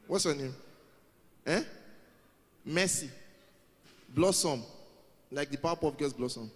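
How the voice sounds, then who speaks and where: A man with a highish voice and a slow pace hosts a youth event live in a big hall. He coaxes the audience, calls out to them, and says things again and again.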